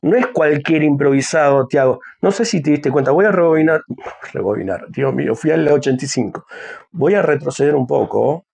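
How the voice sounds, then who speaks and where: Chatty Argentine man with husky voice. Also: on the high side, fairly quick, a little mellow. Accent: Argentine Spanish. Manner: chatty, talks to viewers, hums and sings snippets. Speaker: music reaction youtuber. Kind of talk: casual video commentary. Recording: faint music playing behind.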